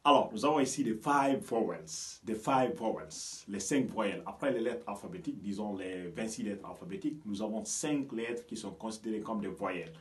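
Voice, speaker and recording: A man's voice: on the low side, moderate pace, few pauses. A man from Guinea teaching English vowels, explaining patiently and often checking with "ok?" and "you understand me?". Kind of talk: bilingual language lesson. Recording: voice from a distance from the mic.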